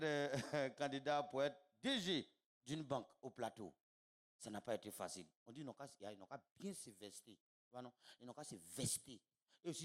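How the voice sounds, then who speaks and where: A male comedian with an Ivorian French accent telling a joke in an animated way and chuckling as he goes. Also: mid-range voice.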